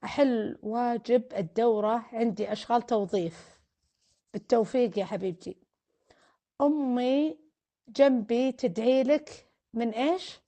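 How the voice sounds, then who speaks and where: A woman's voice: on the high side, normal speed, long pauses, dark tone. A woman, a family counselor hosting a casual live stream, reading viewer comments aloud, teasing them and offering blessings.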